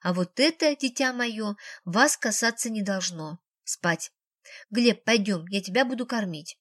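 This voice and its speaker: A woman's voice: medium pitch, lively intonation, measured pace, fairly bright tone, no room sound, clean studio sound. A woman voicing a strict, talkative grandmother who fusses over her family, in an audiobook. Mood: stern. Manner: bossy, fussing, talkative.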